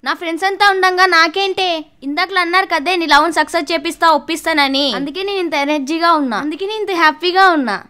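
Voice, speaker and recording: A woman's voice: extremely high pitch, fast, pushed and bright. A young woman acting a weepy, lovesick girl in a comedy skit, dramatic and wailing. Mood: giddy. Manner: melodramatic, wailing then giddy. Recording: music playing under the dialogue.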